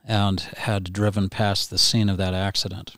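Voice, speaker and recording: A middle-aged man hosting a podcast, speaking in a slow, measured way. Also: low-pitched, flat delivery, fairly bright tone, no echo, studio quality. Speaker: podcast host, hypnotist. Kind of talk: gentle interview talk. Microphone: podcast mic.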